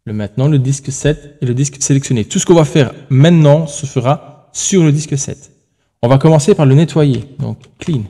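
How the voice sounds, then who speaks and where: A man's voice: medium pitch, normal speed, warm tone. A man hosting a tech tutorial, talking casually through each step on screen, thinking aloud with fillers and self-corrections.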